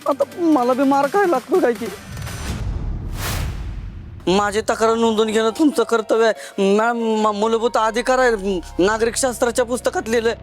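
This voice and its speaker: A man's voice: extremely high pitch, normal speed, faint music behind. A whiny, fretful tea-stall man. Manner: whiny, theatrical pleading. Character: poor pleading tea-stall owner, jittery and dramatic.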